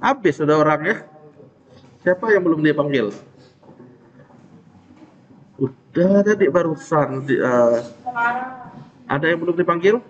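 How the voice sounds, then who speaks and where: A man's voice: fairly high pitch, lively intonation, a little slow, pauses often. A male teacher taking the roll in a classroom, casual and teasing as he checks each student one by one. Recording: dull lo-fi classroom recording.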